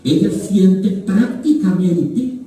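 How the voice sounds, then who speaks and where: A Costa Rican man with a very dark, mellow voice gives a literature lecture. He reads passages aloud and breaks off into animated asides. He sounds distant, caught by an echoey auditorium mic, with faint noise underneath. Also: sits high, drawn-out words. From Costa Rica. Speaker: humanities lecturer. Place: museum auditorium.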